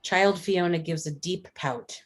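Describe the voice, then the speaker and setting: Reading a screenplay's scene headings and action lines, a deep-voiced woman serves as the stage-directions reader at a table read, speaking a little slowly.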